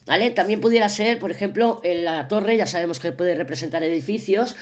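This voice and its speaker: A woman's voice: lowish voice, a little fast, a little mellow, dull audio. A woman giving a daily tarot reading, explaining the cards in a chatty way and checking in with the listener often. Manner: explanatory, conversational, frequent "¿vale?" check-ins. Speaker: tarot reader.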